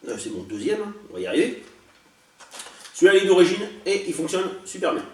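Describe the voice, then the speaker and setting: A man casually showing off a haul of toy blasters, chatty and hesitant, often pausing and correcting himself. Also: sits high, sing-song, recorded from a distance, a little hiss or hum. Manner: chatty, hesitant, many fillers and self-corrections. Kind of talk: casual unboxing vlog. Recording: echoey room, voice off-mic.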